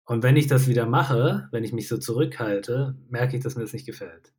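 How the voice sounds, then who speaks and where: A man speaking reflectively in a supportive personal conversation, asking gentle questions. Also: medium pitch, fairly quick, slightly rough.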